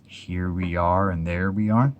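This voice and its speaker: A man voicing Eeyore, a gloomy old male donkey in a storybook reading, speaking in a slow, mournful murmur. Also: low-pitched, steady tone, dull audio, a little hiss or hum.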